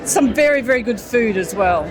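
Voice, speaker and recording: A woman speaking as a government minister at an event, upbeat with frequent hesitant pauses. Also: on the high side, expressive. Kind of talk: event interview. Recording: event with music and crowd chatter.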